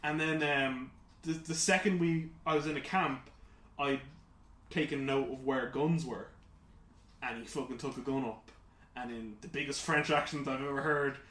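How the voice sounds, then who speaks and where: A man co-hosting a casual gaming podcast, telling rambling, animated stories full of "like"s. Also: medium pitch, moderate pace. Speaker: podcast co-host. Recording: roomy with faint hiss.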